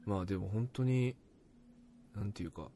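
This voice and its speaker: A man's voice: on the low side, moderate pace, slight background noise. A man co-hosting a podcast, talking loosely with lots of fillers and frequent laughter. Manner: lively, laughs often, loose filler-heavy talk. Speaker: podcast co-host. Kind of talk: casual chat.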